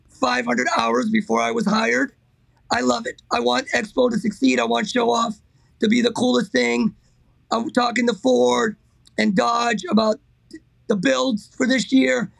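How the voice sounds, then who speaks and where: A middle-aged man with a hoarse, raspy, strained voice, talking casually and emphatically as an interview guest. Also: very high voice, little pitch movement, measured pace, fairly bright tone, no room sound, rough recording. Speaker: interview guest, car builder.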